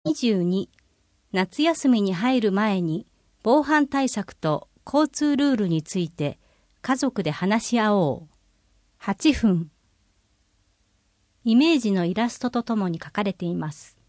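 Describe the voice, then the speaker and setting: A woman reads a city bulletin in an even, informative tone at a mid pitch. She slows down to spell out contact numbers. The recording is dry and close. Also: no echo. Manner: clear, measured, informative reading, slowing for numbers. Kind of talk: scripted reading of public notices.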